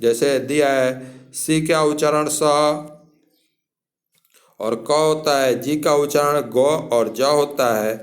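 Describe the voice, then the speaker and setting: A male teacher giving a slow, careful lesson. He talks at an unhurried pace in a slightly high voice. He spells words out letter by letter and repeats each rule. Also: steady tone. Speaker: English teacher.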